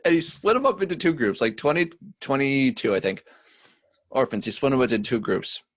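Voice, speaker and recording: A man's voice: mid-range voice, sing-song, fairly quick, no echo. Young man telling a rambling story. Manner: rambling storyteller with filler words and profanity. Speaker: podcast co-host. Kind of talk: casual chat.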